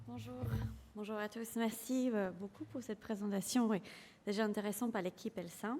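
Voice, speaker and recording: An English woman, a GP and clinical lecturer, gives a conference presentation to doctors, her mellow, mid-range voice echoing with long reverb in the hall. She hesitates often with fillers but stays engaging, keeping a steady tone and polling the audience with quick questions.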